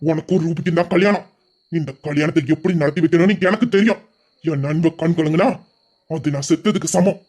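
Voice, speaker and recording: A man's voice: fairly high pitch, fairly quick, natural voice. [name], a man voicing a fiercely loyal young man. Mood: determined. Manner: forceful, vowing. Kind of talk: audio drama acting.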